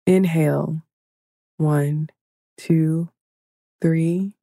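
A woman leading a guided meditation in a slow, soothing, hushed manner, counting breaths and counting down. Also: sits low, fairly even intonation, vocal fry, dry recording, clean studio sound.

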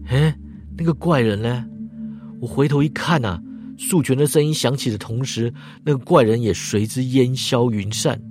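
Hushed male storyteller. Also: medium pitch. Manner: hushed and suspenseful, trailing particles. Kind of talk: bedtime ghost story narration. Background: music.

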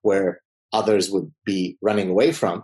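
His voice is deep and darkish, steady in tone and delivered at normal speed. A middle-aged professor from the Middle East who speaks Arabic natively, he is a podcast guest who meets the interview questions with confident combativeness and a wry sense of humor.

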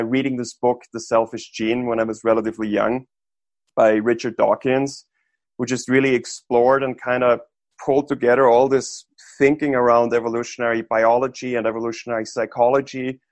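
A man's voice: mid-range voice, no echo. Thoughtful man from Austria, dry sound. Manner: thoughtful, frequent restarts and "like" fillers. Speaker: interview guest, entrepreneur. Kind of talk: casual interview talk.

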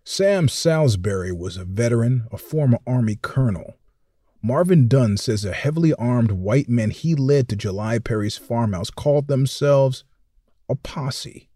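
A man's voice: medium pitch, expressive, measured pace, warm tone, dry recording, clean studio sound. A man hosting a documentary podcast, reading scripted narration in a true crime storytelling style.

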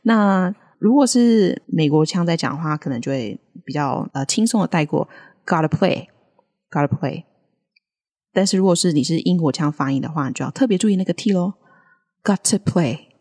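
A woman co-hosting a casual podcast lesson, modelling English words slowly between frequent laughs. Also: on the low side, lively intonation, darkish tone, breathy edge. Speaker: podcast co-host teaching English accents. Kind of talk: casual language-lesson chat.

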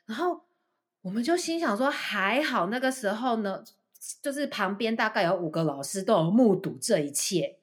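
A woman with a Taiwanese Mandarin accent, chatting casually on a podcast and telling stories as a teacher, acting out the parents she quotes. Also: normal speed. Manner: animated storytelling, acting out a parent in a high voice. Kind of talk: casual chat, storytelling.

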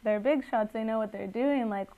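Speaking with fairly high pitch at a moderate pace, this woman comes through with phone-quality sound. Originally from Guatemala and in her twenties, she's an earnest, chatty guest entrepreneur in a podcast interview, full of fillers.

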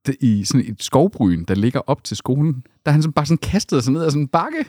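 A man's voice: medium pitch, dry recording, clean studio sound. A young adult man from Denmark co-hosting a podcast, telling stories in a rambling way with many restarts. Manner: animated storytelling with rambling restarts. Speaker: podcast co-host. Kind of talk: casual chat.

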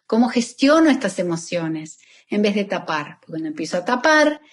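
A woman therapist, calmly explaining fear and anxiety and leading a slow, soothing breathing exercise. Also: medium pitch, slightly rough. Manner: calm, soothing, slowing down for guided phrases. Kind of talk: guiding a breathing exercise in an interview.

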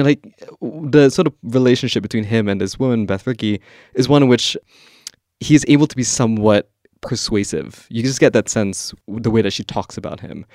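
A man hosting an interview, talking loosely and haltingly with many fillers. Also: lowish voice, darkish tone, dry recording, studio quality. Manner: hesitant, many "like" and "you know" fillers. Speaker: podcast host interviewer. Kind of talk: conversational interview.

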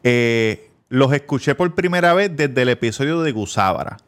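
A man with a Puerto Rican Spanish accent, co-hosting a podcast from a barbershop. He jokes loudly and teases the others in crude, casual banter. His voice sits at an ordinary middle pitch. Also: expressive, normal speed, background noise. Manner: loud, joking, teasing. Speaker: podcast co-host.

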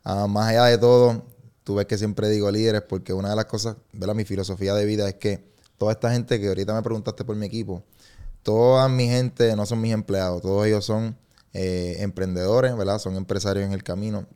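Puerto Rican man as a podcast guest, low and clear voice, earnest, keeps adding tag questions. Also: fairly even intonation, brisk, mellow. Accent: Puerto Rican Spanish. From Puerto Rico. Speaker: interview guest, investor. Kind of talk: casual podcast interview.

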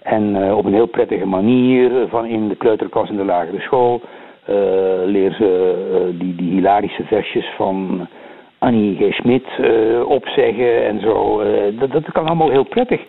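Older Belgian guest, Belgian Dutch accent, halting delivery full of "eh"; tinny phone-line sound. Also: male voice, on the low side, creaky, slightly rough. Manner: hesitant, many fillers and repeated words. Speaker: guest commentator. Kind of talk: radio interview by phone.

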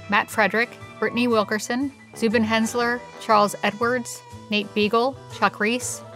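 Female host narrator, measured scripted storytelling, faint music beneath. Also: mid-range voice, a bit bright.

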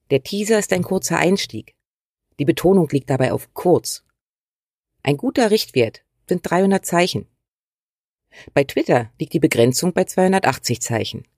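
A woman's voice: deep voice, vocal fry, warm tone, no room sound, clean studio sound. A woman hosting a scripted writing tutorial, talking straight to the viewer in a direct, instructive way. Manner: direct and instructive, uses imperatives. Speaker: writing coach and channel host.

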